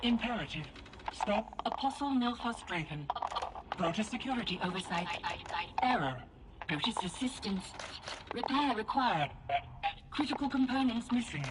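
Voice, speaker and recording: Glitching broken robot construct. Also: female voice, on the high side, lively intonation, moderate pace, long pauses, very noisy. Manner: clipped single-word machine announcements. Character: damaged female security construct, glitching and broken.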